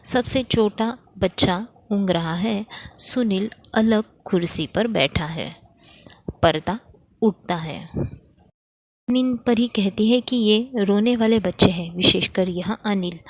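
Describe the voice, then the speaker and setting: A woman's voice: mid-range voice, dry recording. A woman teacher reading a storybook lesson aloud and explaining word meanings plainly. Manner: explains words slowly and plainly.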